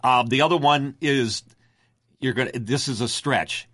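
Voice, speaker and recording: A man's voice: medium pitch, measured pace, bright, forceful tone, no room sound, clean studio sound. A middle-aged man, a radio announcer, telling stories in a casual interview with a projected announcer delivery.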